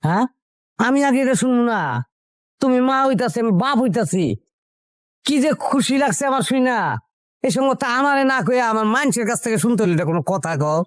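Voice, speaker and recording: An upset village husband. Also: male voice, sits high, animated, darkish tone, dry recording, studio quality. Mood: stunned. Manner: reproachful and fast-talking.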